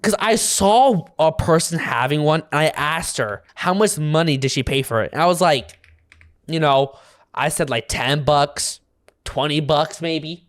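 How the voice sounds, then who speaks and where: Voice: medium pitch, a little slow. A reaction video host giving casual commentary who exclaims and laughs in disbelief.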